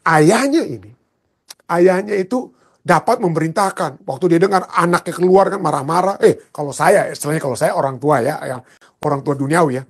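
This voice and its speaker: A man's voice: on the high side, brisk, slightly rough. A man preaching a sermon as a pastor, emphatic, often asking the congregation a question and answering it himself.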